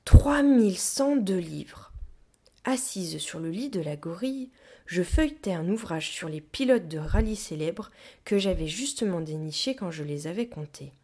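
Brief: woman narrator for an audiobook, steady and measured, quiet in tense moments. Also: lowish voice. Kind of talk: scripted storybook narration.

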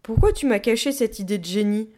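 A woman voicing a bossy, blustering female gorilla in a storybook reading, brisk and gruff. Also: a little high, expressive, a little mellow, close to an everyday voice. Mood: indignant.

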